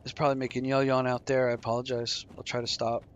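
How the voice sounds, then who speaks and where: On his stream, a sleepy guy narrates his moves casually and yawns now and then, talking quickly in a mid-range voice. The sound from his desk microphone is lo-fi.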